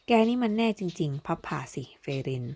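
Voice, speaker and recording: Woman, audiobook narrator, dark mellow tone, acts out the characters. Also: low voice, expressive, a little hiss or hum. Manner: voices characters with slow, deliberate delivery. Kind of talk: dramatic novel reading.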